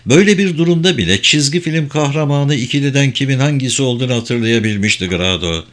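A man reading a crime novel aloud as a steady, even audiobook narrator. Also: mid-range voice, fast talker. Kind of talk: scripted narration.

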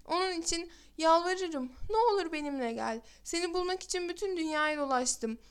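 A woman's voice: very high-pitched, lively intonation, normal speed. A woman voicing a grieving beggar mother in a storybook reading, pleading and tearful as she speaks. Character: grieving beggar mother searching for her son.

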